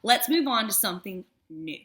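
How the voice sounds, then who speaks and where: A young woman teaching phonics to first graders, slowly sounding out letters and words and praising the class. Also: mid-range voice, expressive, fairly bright tone. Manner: encouraging praise. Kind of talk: phonics lesson for young children.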